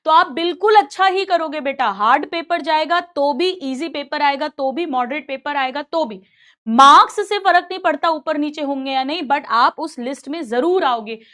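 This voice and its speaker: A middle-aged woman with a high voice gives a motivational talk to her students. She sounds motherly and caring, and she stresses points by repeating them. She slips English phrases into what she says. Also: normal speed, sharp tone. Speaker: coaching teacher.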